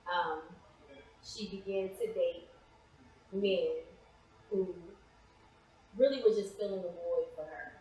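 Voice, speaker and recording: In a warm, fairly low voice, this interview guest, who is both a playwright and an actress, takes it slowly with long pauses, chatting about personal matters. She comes across reflective and a little hesitant, often repeating phrases to stress them. The recording is heavily reverberant.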